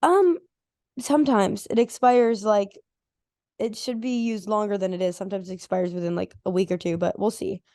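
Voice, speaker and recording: Hoarse young woman chatting, low energy. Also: normal speed, darkish tone, no room sound, studio quality. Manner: rambling, lots of "like" fillers. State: hoarse, losing her voice. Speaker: podcast co-host. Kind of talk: casual chat.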